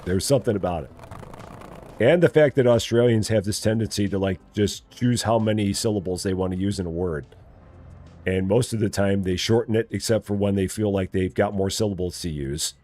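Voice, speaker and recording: A man with a General American accent from the Midwest, specifically Illinois, chats casually while streaming a game live, repeating himself and teasing in a playful way. His voice sits fairly low, with a darkish tone, and he talks a little fast.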